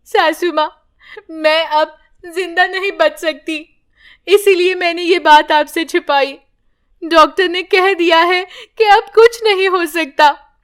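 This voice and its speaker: A woman's voice: very high-pitched, steady tone, slow pace, a bit bright, pitched above the performer's own voice, full character voice. A woman voicing a crying, ill daughter-in-law. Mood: remorseful, crying. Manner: pleading, apologetic.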